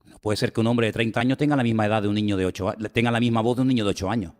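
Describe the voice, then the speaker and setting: A man's voice: lowish voice, steady tone, rapid-fire, a little mellow, long reverb tail. A man with a Spanish accent from Spain preaching a sermon. He speaks with emphasis, repeats phrases and puts rhetorical questions to the congregation. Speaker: pastor.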